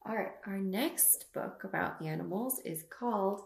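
A woman's voice: mid-range voice, a little slow, gravelly. A young woman reading picture books to toddlers as a storytime host, asking simple questions with exaggerated emphasis. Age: young adult. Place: small room at home, indoors. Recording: roomy home webcam sound.

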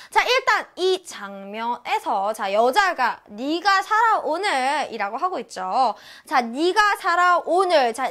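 Bubbly high-voiced woman teaching a lesson. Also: a bit bright. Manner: bubbly, playful, acts out short dialogue snippets. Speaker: Chinese language teacher. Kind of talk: lively online language lesson.

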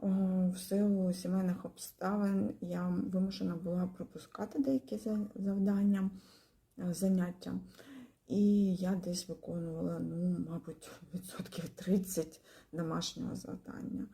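A woman giving a spoken testimonial about her language course, pausing often with fillers and restarting her words. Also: on the low side, fairly even intonation, vocal fry, mellow. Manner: hesitant, many fillers and pauses.

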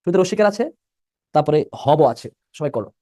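A man's voice: a little high, animated, fairly quick, dark tone, dry recording, clean studio sound. A young man teaching a live online class. He repeats each rule and keeps quizzing his students with questions. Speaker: admission-prep teacher.

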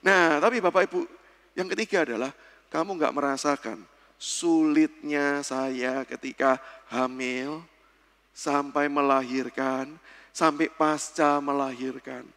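Man in his thirties, pastor at a church seminar, lively storyteller, high bright voice, long hall reverb. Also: a little slow.

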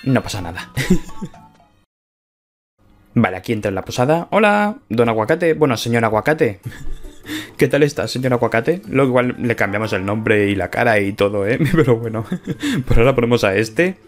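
A man's voice: mid-range voice, lively intonation, moderate pace, pauses often, faint music behind. A man with a Spain Spanish accent hosting a casual gameplay video, chatty and playful, laughing often as he talks. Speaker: gaming let's-play host.

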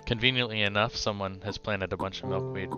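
A man casually narrating a game tutorial, explaining step by step with filler uhs and quick self-corrections. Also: on the low side, steady tone, highs cut off, over loud music.

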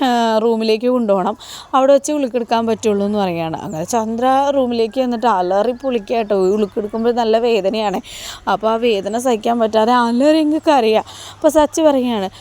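Fast-talking woman recapping a TV serial. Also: on the high side, a little mellow. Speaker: TV serial episode reviewer. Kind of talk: chatty storytelling recap.

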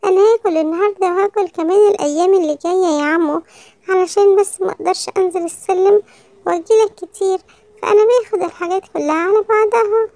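A woman's voice: quick pace, mellow, no echo. A woman voicing a greedy little boy monkey with an Egyptian Arabic accent, whiny and childish in a children's storybook. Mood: pleading. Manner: whiny, wailing, squeaky childish voice.

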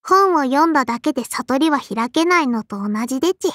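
Voicing a strict little sparrow-spirit girl in an anime game, a woman delivers lines in a high, expressive, slightly bright voice, a little fast, recorded studio-clean without echo. The girl lisps like a child, sounds prim and critical, and scolds politely with an odd verbal tic.

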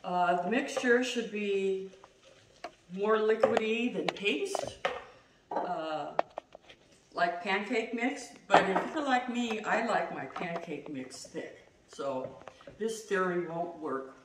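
A woman's voice: medium pitch, lively intonation, takes it slowly. Middle-aged woman, home cooking host, chatty and self-deprecating, recorded from across a roomy kitchen with noise. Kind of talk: casual cooking demo. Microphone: far camera. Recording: roomy, distant, noisy.

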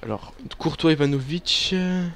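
A man giving casual, excitable commentary over a football video game, swearing and cheering at his players. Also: fairly high pitch, moderate pace. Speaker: gaming YouTuber. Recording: faint background music.

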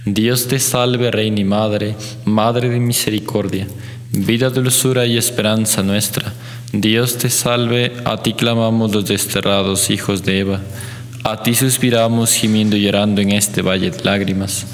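A man with an Ecuadorian accent leading a recited rosary in a chapel, in a measured, even chant. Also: on the low side, faint music behind. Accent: Ecuadorian Spanish. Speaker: prayer leader. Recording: long chapel reverb.

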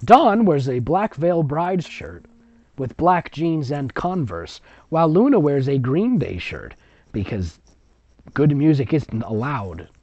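Reading amateur fiction slowly in an expressive, mid-range, slightly mellow voice, this narrator keeps stopping to mock it with sarcastic, exasperated ad-libs. The recording is dry, close, dull and lo-fi.

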